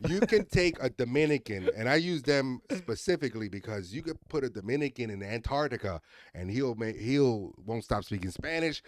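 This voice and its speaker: A man's voice: mid-range voice, normal speed, no room sound. Profane joking man in a dry room. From Miami. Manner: profane, joking, animated storyteller. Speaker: comedian guest. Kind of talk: casual podcast chat.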